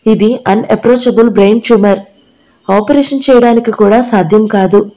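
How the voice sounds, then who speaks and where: Lady reading as a sad, sick young dancer girl, soft and mellow, audio novel. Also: medium pitch, moderate pace, natural voice. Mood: sorrowful. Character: young woman dancer, gravely ill, secretive.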